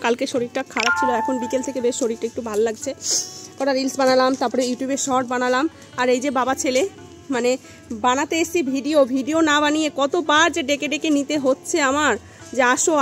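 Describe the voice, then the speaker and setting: A woman's voice: sits high, quick pace, a bit bright, soft background music. A woman in her thirties with a Bengali accent, chatting casually to her viewers in a family vlog, rambling and friendly. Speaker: family vlogger.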